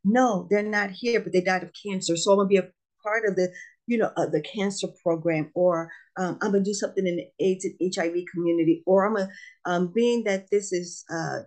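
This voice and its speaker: A woman's voice: mid-range voice, darkish tone. A middle-aged woman, a guest in an interview, speaking earnestly and emphatically about faith and loss, often repeating her phrases. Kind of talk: testimony interview.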